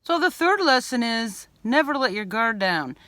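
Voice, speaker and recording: A woman vlogger telling a story to camera in an animated way, acting out scenes and yelling some lines. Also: fairly high pitch, moderate pace, dry recording. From Bay Area, California. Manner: expressive, acts out scenes with loud bleeped yelling. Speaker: van life vlogger.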